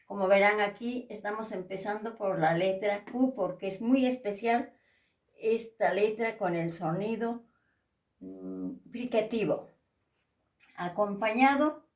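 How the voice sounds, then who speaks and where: Very slow-speaking woman teacher. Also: mid-range voice, roomy sound, recorded from a distance. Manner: repeats words slowly and deliberately. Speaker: Aymara language teacher. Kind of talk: slow pronunciation lesson.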